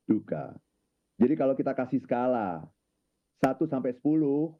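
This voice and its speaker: Man, mid pitch, reflective storyteller with a habit of tagging every phrase, phone-line sound. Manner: unhurried, leans on filler tags at phrase ends. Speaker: guest speaker on his own channel.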